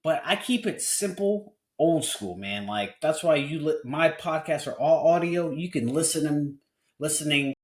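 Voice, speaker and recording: This is a man in his forties hosting a casual podcast conversation, his voice a little high, animated and unhurried, with a roomy sound. He comes across as candid and earnest, often restarting his sentences.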